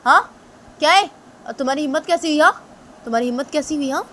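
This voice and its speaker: A woman's voice: mid-range voice, a little fast, a little hiss or hum, lightly acted, low-quality recording. A woman voicing an angry protective father who threatens and demands answers. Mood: furious. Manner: threatening, demanding, repeats "हाँ?".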